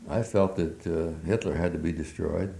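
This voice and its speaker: An older man with an extremely deep, mellow voice recounts memories in an oral history interview. He speaks haltingly, filling his pauses with many hesitations. The recording is roomy and echoey. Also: steady tone, vocal fry. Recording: roomy echo.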